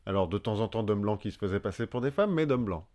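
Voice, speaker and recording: A man's voice: on the low side, expressive, quick pace, a little mellow. A man co-hosting a casual history podcast, chatty and joking, often restarting his sentences with fillers. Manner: joking asides. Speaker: podcast co-host.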